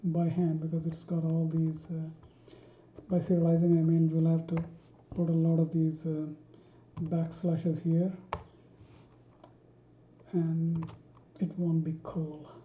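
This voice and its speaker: Slow thinking-aloud woman coding tutor. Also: sits low, monotone, a little hiss or hum. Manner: thinks aloud, many ums and restarts. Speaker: programming tutor. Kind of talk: screen-recorded coding tutorial. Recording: dull roomy home recording.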